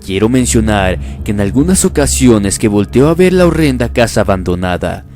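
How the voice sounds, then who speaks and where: Low-voiced man narrating a horror story. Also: animated, normal speed, a little mellow, faint music behind.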